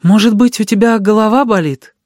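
A man's voice: a little high, animated, moderate pace, no room sound, studio quality, pitched above the performer's own voice, natural voice. Man putting on a fussy, grumbling aunt. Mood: worried. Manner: grumbling yet kindly. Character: fussy caring middle-aged aunt.

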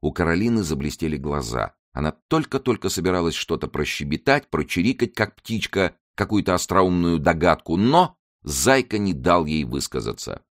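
A man reading an audiobook with a low voice and expressive storytelling. His delivery rises and falls with plenty of movement. The sound is dry and close. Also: normal speed, hardly any pauses, no echo. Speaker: audiobook narrator.

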